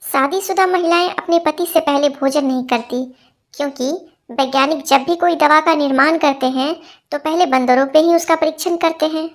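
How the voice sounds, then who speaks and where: A woman with a high voice reads a run of short jokes aloud. She slips into the quoted lines as she goes, keeping a quick joke-telling pace. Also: very noisy. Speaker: joke narrator.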